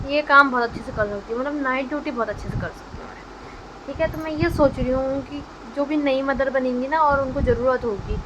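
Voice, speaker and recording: A woman's voice: high-pitched, dull audio, background noise. A young woman vlogger in her twenties with a Hindi accent, chatting jokingly to her viewers at home. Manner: joking, chatty, addresses friends. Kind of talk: casual vlog chat.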